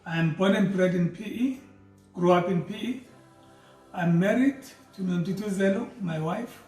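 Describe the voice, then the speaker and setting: Middle-aged South African man, high, earnest and measured, personal introduction, roomy off-mic sound. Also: darkish tone. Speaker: doctor and theology student. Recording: roomy, mic at a distance, faint music.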